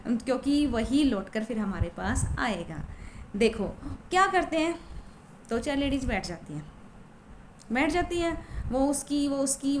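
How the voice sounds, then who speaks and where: A law of attraction coach speaks casually to camera in a high voice, with a little hiss or hum in the recording. She is chatty, repeats herself, and uses many fillers.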